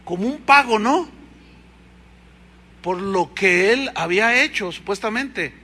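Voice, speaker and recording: A male pastor with a Mexican Spanish accent, preaching a sermon with animated storytelling, reading scripture aloud and asking the congregation questions. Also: high-pitched, takes it slowly.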